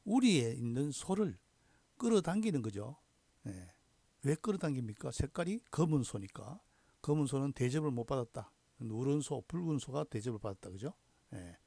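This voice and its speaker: A man lectures on Chinese characters in a gravelly, mellow voice that rises and falls with lively intonation. He speaks slowly and deliberately, stopping often for a quick affirming word. The sound is dry and close. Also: mid-range voice, dry recording. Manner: slow, deliberate, punctuates with frequent affirming "ye". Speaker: hanja teacher. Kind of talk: recorded lecture.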